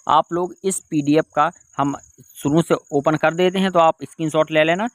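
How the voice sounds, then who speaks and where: A man's voice: fairly high pitch, fairly even intonation, normal speed, dry recording. A man teaching an online exam-prep lesson, repeating key terms and asking and answering his own questions. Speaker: Hindi exam tutor.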